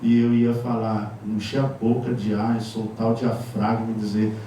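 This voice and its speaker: A man's voice: on the low side, little pitch movement, moderate pace, mellow, a little hiss or hum. A male pastor from Brazil preaching a sermon in a conversational way, with wry asides and chuckles, in a church. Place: church sanctuary. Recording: echoey church hall from far off.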